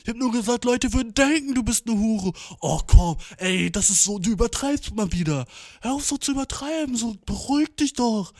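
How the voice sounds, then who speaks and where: A man's voice: very high-pitched, lively intonation, normal speed, a little mellow, voice pushed up. A man acting out a defensive young boyfriend who insists he was misunderstood, in a whiny, exasperated manner. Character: defensive young boyfriend twisting his words.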